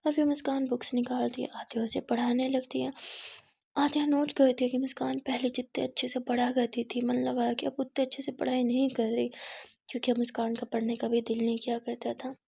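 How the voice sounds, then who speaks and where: A woman narrating a love story aloud, soft and often half-whispered, close to the mic. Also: high-pitched, little pitch movement, fairly quick, gravelly, breathy edge.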